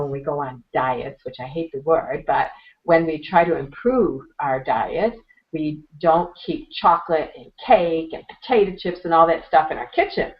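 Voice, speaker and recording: A woman with a hoarse, fading voice, speaking as an interview guest and giving earnest, motivational advice about meditation. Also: sits low, highs cut off. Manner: earnest, motivational, frequent throat-clearing. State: hoarse, losing her voice.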